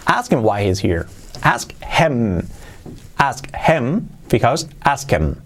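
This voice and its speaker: A man from Spain teaching English, slowly repeating phrases to model pronunciation. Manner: models phrases with slow, drawn-out repetitions; lively intonation, jumping high on questions. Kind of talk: English lesson.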